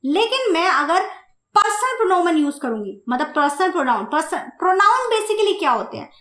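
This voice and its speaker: A woman teaching German grammar in Hindi, speaking slowly, repeating points and asking her students questions. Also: high voice, sharp tone, roomy sound. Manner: slow, repeats and asks the class questions. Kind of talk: grammar lesson explained in Hindi.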